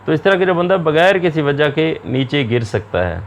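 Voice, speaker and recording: A man giving a recorded lecture, reading out English lines slowly, then explaining them quickly in his own words. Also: a little high, very animated, slight background noise.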